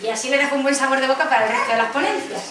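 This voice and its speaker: A woman speaker telling a lively personal story at a conference, acting out the voices she quotes. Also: high-pitched, racing. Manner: animated, acts out quoted voices, laughs often. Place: conference room. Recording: echoey hall, distant mic, background noise.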